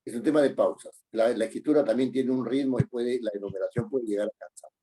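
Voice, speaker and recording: A man's voice: mid-range voice, fast talker, mellow. A middle-aged man teaching a class, explaining patiently with many fillers and tag questions. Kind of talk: online class lecture.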